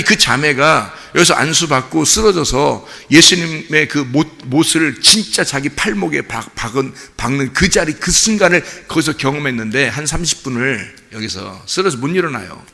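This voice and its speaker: A man's voice: medium pitch, lively intonation, normal speed, vocal fry, sharp tone. A man preaching a sermon as pastor, telling a story animatedly and asking his congregation questions. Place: church sanctuary. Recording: church hall reverb.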